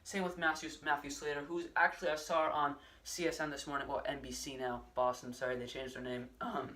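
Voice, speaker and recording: A man's voice: on the high side, little pitch movement, a little fast, pushed and bright, distant mic. A young man giving a casual, rambling solo sports recap with many fillers and restarts. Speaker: sports vlogger.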